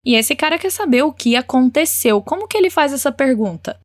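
Woman teaching spanish, says phrases slow and clear, cheers you on, dry close sound. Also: sits high, expressive, no room sound. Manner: encouraging, models phrases slowly and clearly. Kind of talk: language lesson with repeat-after-me drills.

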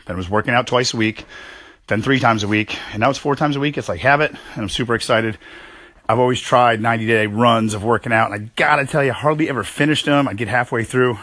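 A man's voice: mid-range voice, quick pace, a bit bright, dry recording. A man in his forties hosting his own show, out of breath after a workout, talking upbeat and casual with heavy breathing between phrases. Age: 40s. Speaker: podcast host. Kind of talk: casual motivational talk. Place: home gym.

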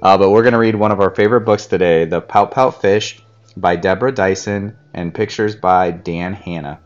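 Deep-voiced dad reading a storybook. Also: male voice, moderate pace, smooth, muffled recording. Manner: animated, playful read-aloud with child. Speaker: parent co-host reading aloud.

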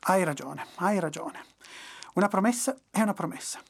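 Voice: mid-range voice, animated, normal speed, vocal fry, husky. A storyteller voicing Jack, a cunning, scheming old man who talks in a wheedling, pleading way. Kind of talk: storybook reading.

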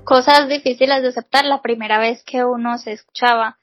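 A woman's voice: on the high side, fairly even intonation, a little fast, dull audio, soft background music. A woman co-hosting a podcast, chatty and laughing easily in casual talk. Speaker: podcast co-host. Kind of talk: casual chat.

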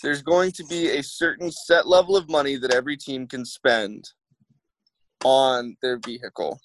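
A man's voice: mid-range voice, steady tone, normal speed, fairly bright tone, a little hiss or hum, low-quality recording. A man hosting a sports podcast in casual chat, wry and teasing, moving between topics. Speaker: podcast host.

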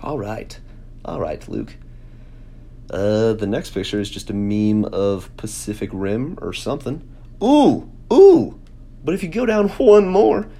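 A man's voice: on the low side, mellow. A young man vlogging, mocking himself in sarcastic, casual commentary with exaggerated exclamations.

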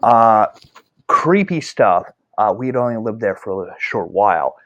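Man, middle-aged, lowish voice, casual animated storyteller. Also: a little slow, highs cut off. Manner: animated, rambling with fillers and restarts. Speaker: author.

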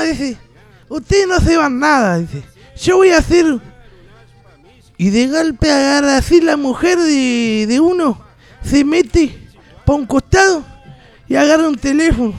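A man playing a rambling rustic countryman, telling a story loudly on radio. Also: very high voice, expressive, a little slow, long pauses, no echo, soft background music, exaggerated voice. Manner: shouting, rambling, constant "¿viste?". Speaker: comedy guest. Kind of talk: comic storytelling in character on radio. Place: radio studio.

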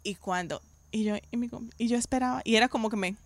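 A middle-aged woman on a chat panel telling a long, animated personal story and slipping in English phrases. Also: on the high side, quick pace. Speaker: panel guest.

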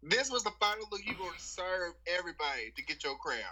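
A co-host in casual chat, expressive and blunt, laughing often. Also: mid-range voice, quick pace, poor audio.

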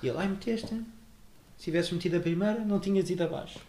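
Fast-talking young Portuguese man. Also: sits high. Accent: European Portuguese. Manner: animated storyteller, acts out voices. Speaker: podcast co-host. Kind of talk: casual chat. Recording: echoey room with faint noise.

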